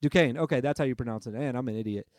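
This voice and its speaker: A man's voice: mid-range voice, dark tone, no echo, clean studio sound. A man hosting a sports podcast in casual, chatty talk, self-deprecating and easygoing. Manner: chatty, self-deprecating, quick to change his mind. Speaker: podcast host.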